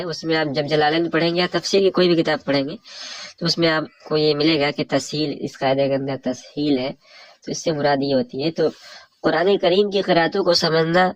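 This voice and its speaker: A man's voice: on the high side, fairly bright tone, no echo, poor audio. A man with a Pakistani Urdu accent teaching Arabic morphology in a religious lecture, explaining each rule step by step and glossing a set text.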